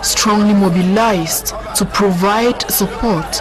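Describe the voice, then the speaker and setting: A woman's voice: medium pitch, slow pace. A woman reading scripted news narration as a reporter. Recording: music and crowd behind voice-over. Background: music and crowd sounds.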